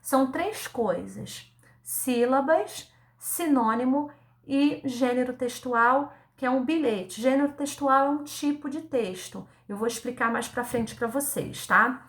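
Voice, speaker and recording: Lady teacher talking to little kids, high bright voice, slow and patient, sounds words out, keeps saying tá?, echoey room. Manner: ends phrases with a checking "tá?". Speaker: primary school teacher. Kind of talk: recorded remote lesson for young children.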